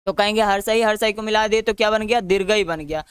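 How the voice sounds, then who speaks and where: A man's voice: high-pitched, quick pace, fairly bright tone, clear, resonant tone, no echo. A male teacher with a Bihari Hindi accent, giving an online grammar lesson by asking questions and answering them himself, often adding a tag question. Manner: drills students with repeated questions and answers.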